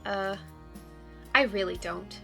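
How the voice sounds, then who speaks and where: A woman's voice: medium pitch, slow, vocal fry, bright, forceful tone, faint music behind, voice pushed down, exaggerated voice. A woman voicing a shy, awkward, anxious young woman in a visual novel, hesitant and nervous as she talks.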